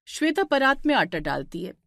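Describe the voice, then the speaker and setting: A woman narrates a cartoon story in a plain, even voice. Her pitch sits fairly high. The recording is dry and close. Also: moderate pace, vocal fry, no echo.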